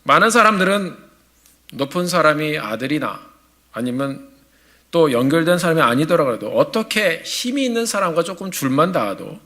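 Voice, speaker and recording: A male pastor in his forties preaching a sermon in a church, telling a story in a lively, animated way. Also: fairly high pitch, normal speed. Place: church sanctuary.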